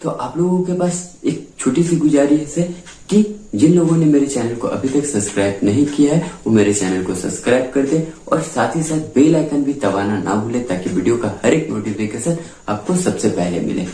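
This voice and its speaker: A male teacher gives a classroom-style grammar lesson, repeating his points and slowing down to spell out letters one by one. His voice is very dark and mellow. It is recorded from a distance and bounces around a strongly echoey room. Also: medium pitch, animated. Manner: repeats points, frequent "ठीक है" and "क्या बोले" checks. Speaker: English teacher.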